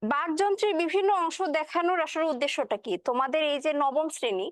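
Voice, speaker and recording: A woman teacher with a high voice explains a lesson step by step and keeps checking that her students follow. She mixes English words into her speech. The recording is dry and close, with no room echo. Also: lively intonation, fast. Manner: spoken with English words mixed in. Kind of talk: classroom lecture.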